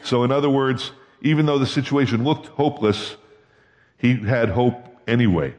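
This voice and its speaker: A little mellow, medium in pitch, and moderately paced, a male pastor preaches to his congregation in a conversational style, often posing questions to them. Long hall reverb surrounds his voice.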